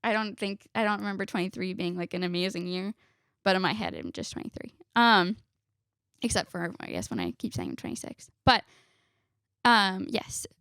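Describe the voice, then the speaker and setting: A woman's voice: mid-range voice, animated, normal speed, fairly bright tone, clean tone, no room sound, studio quality. A woman in her twenties, a guest on a family podcast, chatting casually and laughing often, sometimes backtracking mid-sentence. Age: 20s.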